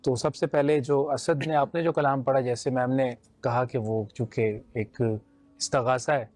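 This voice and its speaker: A man's voice: medium pitch, fairly even intonation, measured pace, darkish tone, faint music behind. A man with a Pakistani Urdu accent, judging a naat competition and explaining his points with homely examples and mild humor. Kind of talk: judge's critique.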